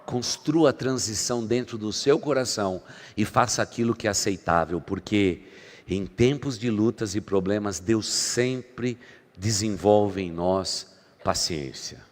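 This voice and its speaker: A man preaching a sermon as pastor, dramatic, swinging between loud emphasis and quiet asides. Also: lowish voice, measured pace. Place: church sanctuary. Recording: long hall reverb from church.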